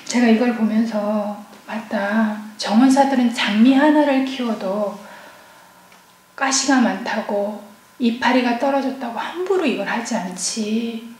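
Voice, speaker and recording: A woman giving a personal testimony as a church deaconess, speaking earnestly and often dropping to a hushed, near-whispered voice. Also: on the high side, a little slow. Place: church hall. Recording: echoey church hall recording.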